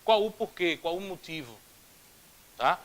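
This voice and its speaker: Brazilian guy teaching grammar, high voice that jumps all over, drills stuff aloud, jokey. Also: measured pace, low-quality recording. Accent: Brazilian Portuguese. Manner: animated, repeats drills aloud, jokey asides. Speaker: Portuguese teacher. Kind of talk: grammar video lesson.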